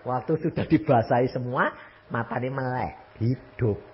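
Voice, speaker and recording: An older man preaching a sermon, telling stories, jumping from loud high exclamations to low quiet asides. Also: normal speed, a little hiss or hum. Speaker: pastor. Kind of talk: sermon with storytelling. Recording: muffled lo-fi recording.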